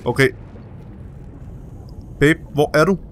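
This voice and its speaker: A man hosting a co-op game session, commentating excitedly, swearing and yelping whenever something startles him. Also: fairly high pitch, slight background noise. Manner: jumpy, swears and yelps when startled. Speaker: let's play host.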